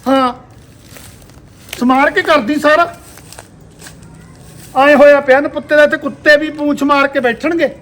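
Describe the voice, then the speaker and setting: A man's voice: very high voice, fairly even intonation, measured pace, pauses often, slight background noise. A man with a Punjabi accent playing a bossy, scolding old mother-in-law in a village comedy skit. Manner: scolding, sharp-tongued, cursing. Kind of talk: rural comedy skit acting.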